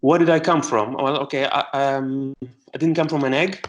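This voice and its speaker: A middle-aged man from Greece, an astronomer answering interview questions with many pauses and restarts. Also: mid-range voice, steady tone, low-quality recording. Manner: hesitant, many fillers and restarts.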